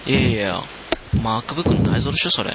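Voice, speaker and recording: A man's voice: medium pitch, lively intonation, a little fast, vocal fry, very noisy. A man hosting a casual group chat on a voice call, speaking into a headset. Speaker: host of a recorded chat. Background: music.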